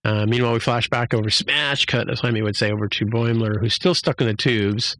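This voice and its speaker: A man's voice: medium pitch, steady tone, brisk, a bit bright, no room sound, poor audio. A man casually recapping a TV episode, rambling with fillers and restarts and acting out the characters' lines. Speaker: podcast host.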